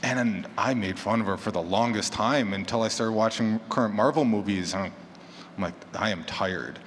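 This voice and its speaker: Speaking in a slightly bright, lower-leaning voice at a moderate pace, this panelist and fiction podcaster chats about his work at a conference. He poses rhetorical questions and voices made-up quotes, and the recording carries hall reverb and clear background noise.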